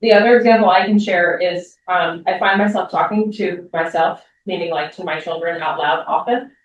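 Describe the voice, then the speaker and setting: A woman's voice: fairly low pitch, fairly even intonation, moderate pace, muffled recording, slight background noise. A woman speaking to a room of parents in a loose, conversational way, with many ums and restarts. Her voice is picked up from a distance. It rings with heavy echo in the meeting room. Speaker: school presenter. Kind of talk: parent talk. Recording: echoey room, voice from far off.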